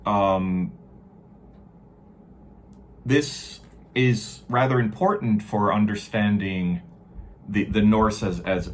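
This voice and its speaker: A man giving an informal explanatory lecture, talking haltingly with self-corrections and stressing key words. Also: deep voice, slight background noise. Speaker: lecturer on Norse mythology. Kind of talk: informal explanatory lecture with read-aloud verse.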